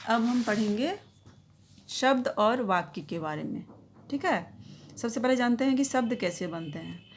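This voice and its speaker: A woman's voice: a little high, expressive, unhurried, slight background noise. A young woman teacher explaining a grammar lesson to young children, patiently checking in with tag phrases.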